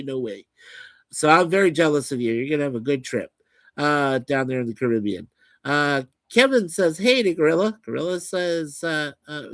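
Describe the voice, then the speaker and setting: A man's voice: fairly high pitch, fairly bright tone, no room sound. A man hosting a livestream, casually reading out and answering viewer comments in a chatty, folksy way. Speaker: livestream host reading chat. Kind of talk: casual chat.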